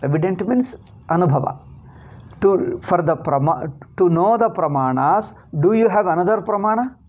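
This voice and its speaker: A man's voice: high-pitched, expressive, normal speed, a little mellow, highs cut off. A man with a South Indian accent teaching a scripture lesson online in a didactic, question-and-answer manner. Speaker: teacher of Sanskrit philosophy.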